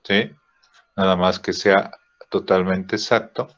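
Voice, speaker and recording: A man teaching a drawing software lesson, thinking aloud with fillers and checking in with "¿sí?" after each step. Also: sits low, flat delivery. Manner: slow, checks in with frequent "¿sí?" and "¿no?"; thinks aloud with "este" fillers while clicking. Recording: dull lo-fi recording.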